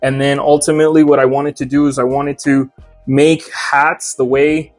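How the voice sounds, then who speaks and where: A young Mexican man who makes hats and owns a hat shop chats casually in an interview, walking through his craft step by step with plenty of "uh"s. His voice is medium-pitched and level at a moderate pace, with soft music in the background.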